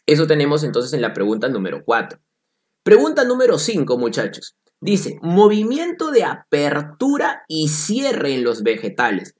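A man's voice: on the high side, huge pitch swings, normal speed. A man teaching an exam-prep biology class in Peruvian Spanish, playful and repeating key points while calling on students.

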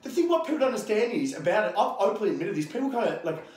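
An Australian strength coach in his thirties, appearing as a guest on a podcast, talks brashly and fired-up, swearing freely. His voice is high and darkish in tone, very animated and very fast. The interview is recorded indoors in a gym, and the room is echoey.

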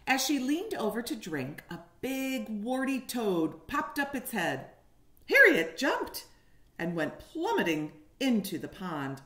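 On the high side and very animated, this kindergarten teacher in her forties reads slowly, with a bright, forceful tone. She reads a picture book expressively and quizzes young listeners from her living room, where the webcam catches a roomy echo.

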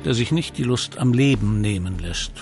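A man's voice: mid-range voice, lively intonation, moderate pace, gravelly, a little mellow. Male documentary narrator over music.

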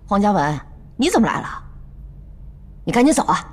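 A woman's voice: medium pitch, very animated, fairly quick, a little mellow. An actress playing a domineering middle-aged mother who scolds and nags her grown daughter in a TV drama. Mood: scolding. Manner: scolding, nagging. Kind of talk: TV drama acting.

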